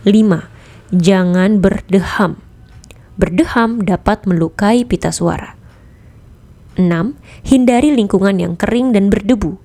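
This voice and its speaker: A woman narrating a nonfiction audiobook in an even, measured reading voice. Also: medium pitch. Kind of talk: scripted narration.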